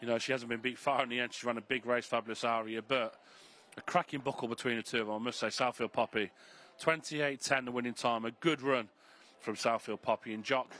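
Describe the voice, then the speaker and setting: Male greyhound racing pundit, bright forceful voice, chatty and enthusiastic, likes repeating himself for emphasis. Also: medium pitch. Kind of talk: live sports analysis, chatty banter.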